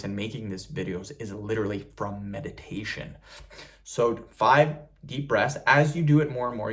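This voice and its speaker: A man with a fairly deep, firm voice hosts an instructional video. He talks to viewers casually, stating each step in an assured, emphatic way. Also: fairly bright tone. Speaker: YouTube host giving voice tutorials.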